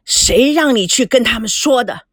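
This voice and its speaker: A woman voicing a stern old grandfather who heads the family and scolds slowly in a lowered voice. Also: animated, slightly rough, dry recording, clean studio sound, heavily acted. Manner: low, slow, scolding.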